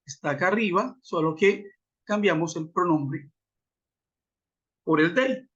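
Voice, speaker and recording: Male English teacher, unhurried and methodical delivery, lo-fi web conference audio. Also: high voice, breathy edge. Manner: methodical, spells out letters and rhetorical questions. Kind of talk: online grammar lesson. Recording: dull lo-fi web call audio.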